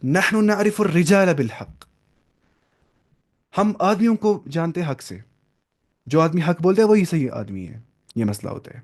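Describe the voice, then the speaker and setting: A man's voice: on the high side, big pitch swings, a little mellow. A man, giving an informal classroom lecture on religious law, conversational and repeating key terms. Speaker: religious studies teacher.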